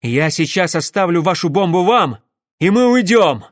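Brief: male reader as a hysterical wounded engineer, frantic shouting, raised pitch. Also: animated, normal speed, dry recording, studio quality.

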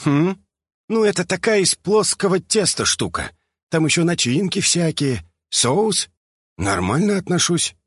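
A man's voice: a little high, very animated, unhurried, slightly rough, dry recording, voice pushed up, exaggerated voice. A man voicing a grumpy young male mutant who grumbles his answers. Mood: offhand.

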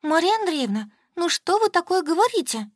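A woman's voice: sits high, sing-song, measured pace, no echo, clean studio sound, pitched above the performer's own voice. A woman voicing a timid young pregnant friend who speaks in an earnest, breathless way.

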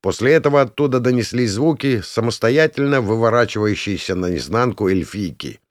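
A man reading a first-person fantasy audiobook with a sardonic, crude edge. His pitch swings in lively leaps across each phrase, and the recording is dry and close, with no room sound. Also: brisk, no room sound. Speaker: audiobook narrator.

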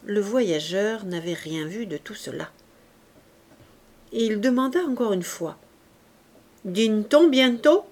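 Give me a woman calmly reading a classic novel aloud, at an unhurried pace. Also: medium pitch. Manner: calm, measured storytelling. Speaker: audiobook reader. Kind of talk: audiobook narration of a classic novel.

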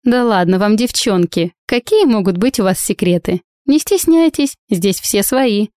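Alena, a brazen, ironic young woman, as a woman narrator plays her, mocking and unbothered. The voice is mellow and dry, recorded close in a storybook reading. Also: mid-range voice, expressive, a little slow, no echo, pitched above the performer's own voice, natural voice.

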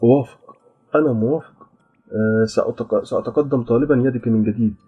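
An earnest young man, lovestruck and full of eager questions, as the narrator voices him. The voice is low and husky. The sound is dull and lo-fi, with faint background music. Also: fast talker.

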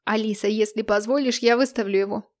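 A wounded, jealous young man talking with visible effort, earnest and strained, as a woman narrator voices him. He is a figure in a romantic audiobook, his voice kept fairly high. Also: fairly even intonation, a little fast, natural voice. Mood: angry.

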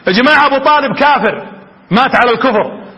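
A man's voice: very high-pitched, quick pace, muffled recording. A man giving a fervent religious lecture, telling stories and speaking directly to his audience. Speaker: preacher.

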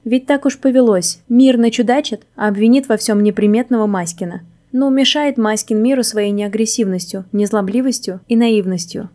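A woman narrating a whimsical storybook in an even, wry reading manner. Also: on the high side, moderate pace, few pauses. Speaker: audiobook narrator.

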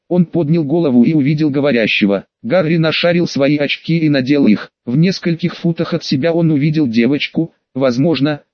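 A man narrating an audiobook in a steady, even reading. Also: fairly high pitch, dry recording. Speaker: audiobook reader. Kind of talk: scripted narration. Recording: dull dry recording.

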